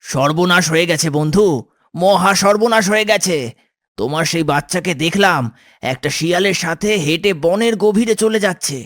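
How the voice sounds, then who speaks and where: A man's voice: high-pitched, moderate pace, fairly bright tone, no room sound, clean studio sound. A man voicing an eagle, a loyal friend who speaks in an urgent, earnest way. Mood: worried.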